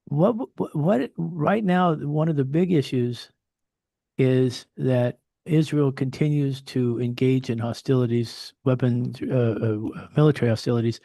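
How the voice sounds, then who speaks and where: A man's voice: mid-range voice, steady tone, a little slow, gravelly, dark tone, dry recording, studio quality. A man hosting a podcast interview, asking his guest questions in an inquisitive manner. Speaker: host.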